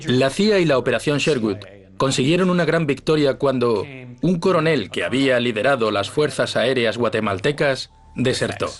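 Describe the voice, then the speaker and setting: A man's voice: medium pitch, expressive, moderate pace. Dramatic male documentary narrator. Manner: vivid, dramatic retelling. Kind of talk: scripted narration. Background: background music.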